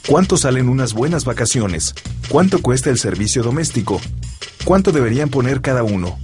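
A man giving measured advice in a clip played on air. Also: medium pitch, big pitch swings, darkish tone, faint music behind.

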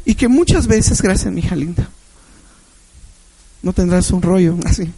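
A man's voice: sits high, measured pace, warm tone, slightly rough, rough recording. A man preaching a Sunday sermon in a church, sharing a personal testimony with emphatic repetition.

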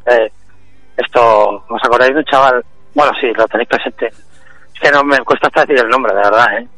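A man, a guest on a comic radio show, talking in halting, repeated phrases and laughing through a mock lament. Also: medium pitch, bright, forceful tone, poor audio. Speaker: phone-in guest.

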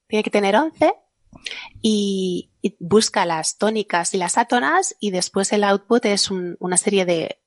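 A woman's voice: mid-range voice, no echo, clean studio sound. A woman guest on a science podcast panel, explaining her research casually, laughing often and restarting her sentences.

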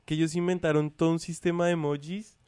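A man's voice: on the high side, level tone, fast, darkish tone, clean tone, dry recording. A man in a casual podcast chat, explaining things at length and thinking aloud as he goes. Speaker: podcast co-host.

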